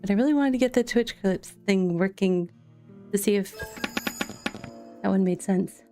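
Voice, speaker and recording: A woman's voice: medium pitch, normal speed, dark tone. A woman streaming a game from home, chatting casually to viewers with frequent laughs and loose fillers. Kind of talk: casual live-stream chat. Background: faint chill background music.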